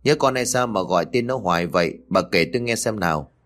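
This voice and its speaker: A man's voice: fairly low pitch, expressive, quick pace, fairly bright tone. A man voicing a worried older husband in an audio story, brusque in manner.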